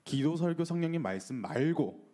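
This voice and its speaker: A man's voice: fairly high pitch, expressive, moderate pace, warm tone. A man hosting a Q&A, reading out audience questions to the pastor. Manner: reads audience questions, laughing lightly.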